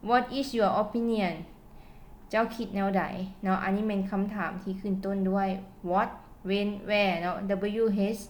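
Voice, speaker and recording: A woman with a Lao accent teaching English at home. She says English phrases slowly and carefully, then quickly translates each one. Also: medium pitch, slight background noise. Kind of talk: casual spoken lesson.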